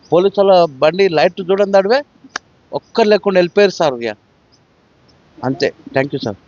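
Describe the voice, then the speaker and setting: A man, an eyewitness recounting events to a reporter in plain, steady storytelling. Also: high-pitched, moderate pace, dry recording. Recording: dry, dull lo-fi field recording.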